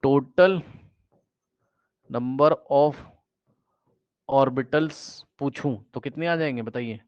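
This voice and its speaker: A man's voice: medium pitch, slow, smooth, no echo, muffled recording. A male chemistry teacher giving an exam-prep lecture, repeating his questions to students and working through each step.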